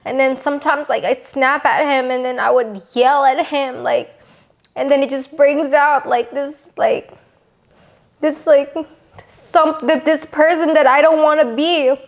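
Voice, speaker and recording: A young woman from the Philippines, a mother, speaking softly and haltingly with many fillers in a casual podcast conversation. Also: high voice, fairly even intonation. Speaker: podcast co-host.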